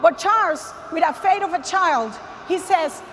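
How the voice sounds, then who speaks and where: A woman's voice: very high-pitched, measured pace, a bit bright, a little hiss or hum. A woman from Costa Rica with a Costa Rican Spanish accent, giving an emphatic faith testimony to a large audience, calling out to the crowd. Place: large arena stage. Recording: long hall reverb, faint ambience.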